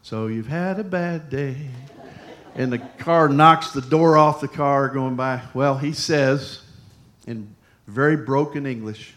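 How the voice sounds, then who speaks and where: Preaching in a mid-range voice, this pastor keeps things conversational, telling a personal story and dropping in quick, lively asides and anecdotes throughout his sermon.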